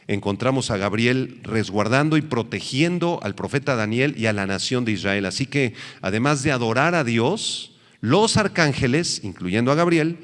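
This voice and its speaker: A man's voice: mid-range voice, fairly bright tone, big-room sound. A male pastor teaching a sermon, asking the congregation questions and answering them himself.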